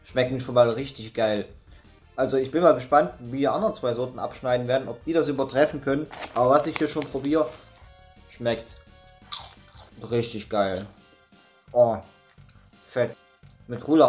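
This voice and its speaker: A man's voice: mid-range voice, normal speed, pauses often, darkish tone, soft background music. A young man crunching and munching chips in a casual tasting vlog, talking in short slangy, laid-back phrases with appreciative hums, indoors with a crinkling bag. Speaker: food review video host. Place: indoors in a room with bookshelves.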